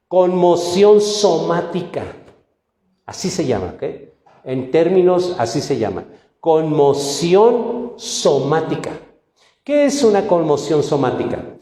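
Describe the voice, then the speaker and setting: A male pastor, preaching a sermon in a conversational, animated way, full of rhetorical questions. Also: fairly high pitch. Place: church hall. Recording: echoey hall with long reverb.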